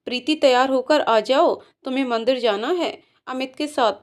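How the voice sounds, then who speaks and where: A woman voicing a gentle, middle-aged mother who speaks softly and coaxingly. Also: high voice, normal speed, close to an everyday voice. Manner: soft, coaxing.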